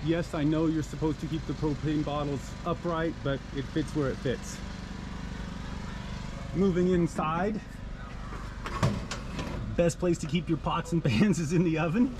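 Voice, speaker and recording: A man's voice: fairly high pitch, unhurried, long pauses, noisy background. A middle-aged man giving a casual, matter-of-fact walkthrough of his old truck camper, filmed on a handheld camera. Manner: relaxed, matter-of-fact, practical. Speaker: vlogger giving a camper tour. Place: inside and around an old truck camper outdoors.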